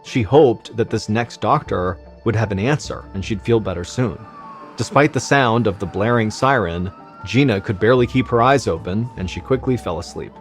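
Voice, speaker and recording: A man telling a true medical mystery in scripted narration, measured and suspenseful, dropping quieter at the tense moments. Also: on the low side, soft background music. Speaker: storyteller.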